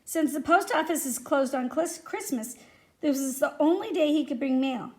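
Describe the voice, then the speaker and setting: Reading a children's story to young listeners, this woman speaks straight to them in a lively, expressive way. Her voice sits high and her pace is normal.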